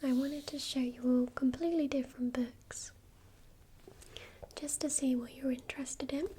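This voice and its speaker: A woman playing a helpful librarian in a whispered role-play, speaking in a soft, breathy, gentle library whisper. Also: high voice, steady tone, moderate pace, slight background noise, natural voice. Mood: gentle, hushed. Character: helpful female librarian recommending books. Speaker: ASMR performer.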